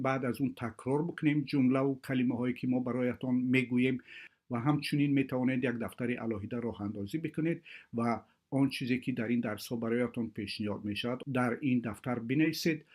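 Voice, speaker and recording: A man opens a language course. He talks formally and at a measured pace, explaining how learners should use the lessons. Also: medium pitch, darkish tone. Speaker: course presenter.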